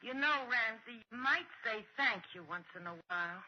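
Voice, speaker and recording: An actress playing a patient, polite but firm wife in a retro suspense radio drama. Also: female voice, a little high, expressive, moderate pace, lightly acted. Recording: muffled, noisy old radio recording.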